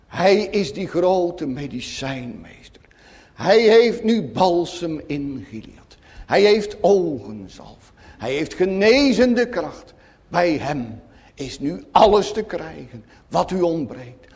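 A man preaching a sermon in a solemn, earnest way with long pauses. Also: on the high side, big pitch swings, a little mellow.

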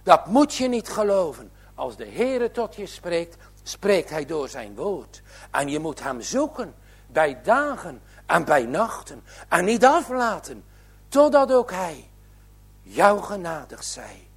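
Man playing a pious elderly grandmother, stern but caring, slow and husky. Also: sits high, very animated, exaggerated voice. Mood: stern admonishing. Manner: earnest, admonishing, preachy.

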